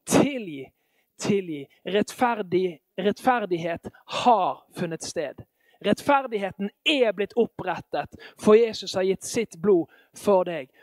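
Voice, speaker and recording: A man's voice: sits high, no echo. A man preaching a sermon in a fervent, emphatic way, with exclamations of praise. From Norway.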